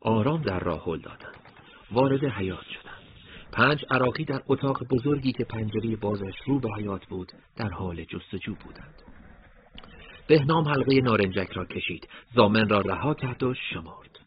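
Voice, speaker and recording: A man's voice: fairly low pitch, expressive. A man narrating a war story in a scripted, dramatic reading style, voicing dialogue along the way. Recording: dull lo-fi recording, faint noise.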